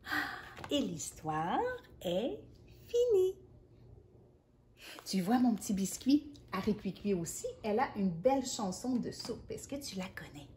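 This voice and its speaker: Slow, sing-song storyteller woman. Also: medium pitch, sing-song, slight background noise. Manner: gentle, playful, with soft whispered asides. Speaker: children's storyteller. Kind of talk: reading a picture book aloud to a child.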